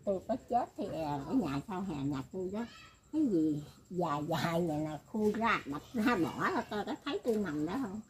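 A woman's voice: lowish voice, lively intonation, moderate pace, noisy background. An elderly woman talking in a rambling, casual way, often laughing as she speaks. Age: older. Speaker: elderly woman being interviewed.

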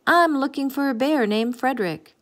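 Woman doing a cheerful boy captain, high, eager, storybook. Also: moderate pace, a bit bright.

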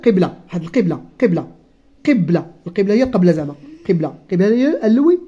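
A teacher with a Moroccan accent explaining a textbook lesson, repeating key words and reading textbook lines slowly. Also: medium pitch, sing-song, warm tone, muffled recording. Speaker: primary school teacher.

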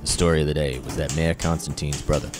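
Man as a hard-boiled detective narrator, extremely deep voice, deadpan wisecracks, guitar music behind. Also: quick pace. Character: hard-boiled ex-cop male newspaper detective. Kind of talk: comic noir voice-over narration.

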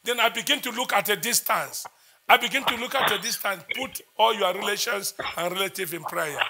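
A man's voice: sits high, brisk, gravelly, very noisy. A man, preaching as a prophet in a church service, intense and repetitive as he declares prayers.

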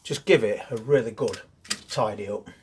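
A man's voice: lowish voice, normal speed, a little hiss or hum. Guy in his 60s, gardening tips in a greenhouse, down to earth, talks right at you. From England. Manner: plain, practical, talks straight to camera. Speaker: gardening channel host. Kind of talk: instructional gardening video. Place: greenhouse on an allotment.

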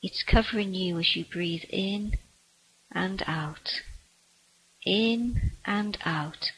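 A woman guiding a relaxation meditation in a soft, breathy voice that sometimes drops to a whisper. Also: mid-range voice, slow pace, a little hiss or hum, rough recording. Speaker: meditation guide.

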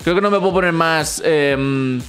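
Brief: playful young man, excited game commentary, repeats words in bursts. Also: a little high, moderate pace, soft background music. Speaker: gaming youtuber.

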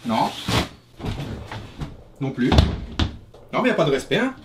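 A man's voice: a little high, big pitch swings, unhurried, noisy background. A man, ranting casually as a gaming YouTuber in sweary street slang. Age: 20s. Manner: French street slang, swearing, familiar address. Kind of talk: casual rant to camera over gameplay. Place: small bedroom, indoors. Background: faint music.

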